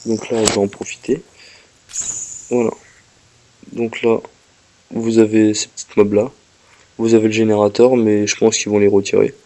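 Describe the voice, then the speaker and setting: A man's voice: lowish voice, flat delivery, moderate pace, long pauses, warm tone. French-speaking man narrating a game walkthrough. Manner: chatty, explains as he plays, talks to the game. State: slightly ill, coughing. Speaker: gameplay commentator. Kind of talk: casual gameplay walkthrough commentary.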